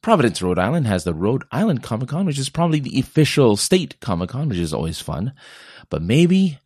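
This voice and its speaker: A man's voice: medium pitch, big pitch swings, brisk, darkish tone, breathy edge, no echo, studio quality. A young man hosting a podcast, reading out a list of upcoming events in a chatty, joking way and tripping over place names now and then. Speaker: podcast host.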